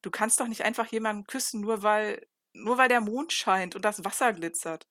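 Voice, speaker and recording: A woman's voice: mid-range voice, a little fast, creaky, no room sound, clean studio sound. A woman reading the lines of an anxious young man in an audiobook, stammering and flustered as he searches for words. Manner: stammering, flustered, rising into excited bursts.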